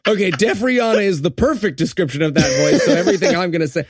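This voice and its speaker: Lively high-voiced man, sarcastic jokes. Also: quick pace, a little hiss or hum. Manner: crude, sarcastic, animated joking. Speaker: podcast co-host. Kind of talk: casual comedic banter.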